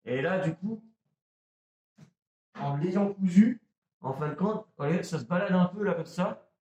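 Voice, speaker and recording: A man's voice: high voice, unhurried, dark tone. A man casually showing his airsoft gear to viewers, chatty and self-mocking, talking straight to the audience. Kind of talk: casual gear show-and-tell. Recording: roomy echo, mic a bit far off.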